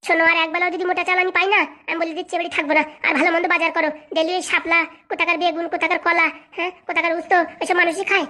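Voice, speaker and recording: A very high, squeaky cartoon wife, haughty and demanding, rattling off complaints at a breakneck clip, as a woman acts her out. She nags without pause and tags her lines with scornful questions. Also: flat delivery, pushed and bright. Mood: complaining. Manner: scolding, nagging with constant "haa?" tags. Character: demanding pregnant young wife, sharp-tongued and haughty. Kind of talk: comic cartoon dubbing.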